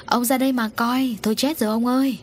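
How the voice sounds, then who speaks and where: A woman's voice: fairly high pitch, fairly quick, slight background noise, pitched above the performer's own voice, close to an everyday voice. Woman doing a shrieking panicked mother. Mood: alarmed. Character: middle-aged mother, shrill and panicking.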